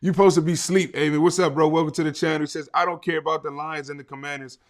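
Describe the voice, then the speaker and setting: A man hosting a live sports talk stream, reading viewer comments in an animated way and often asking "right?". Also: on the high side, very fast.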